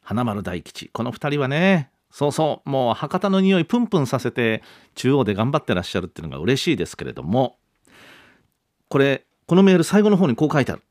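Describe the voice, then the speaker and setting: A man's voice: mid-range voice, very animated, a little fast, a little mellow, no echo, studio quality. A man in his fifties hosting a radio show, reading listener mail in a chatty, polite, self-deprecating way. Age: 50s. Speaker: radio host.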